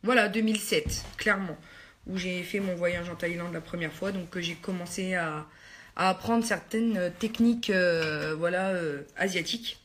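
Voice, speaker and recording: A woman's voice: fairly low pitch, moderate pace, a little hiss or hum. Chatty woman doing a makeup vlog. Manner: chatty, hesitant with many fillers, self-mocking asides to viewers. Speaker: beauty vlogger. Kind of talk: casual get-ready-with-me makeup chat.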